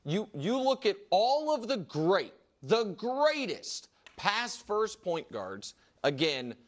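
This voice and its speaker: A man hosting a studio sports debate, arguing his point with quick restarts and energy. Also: high-pitched. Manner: animated, argumentative, quick restarts.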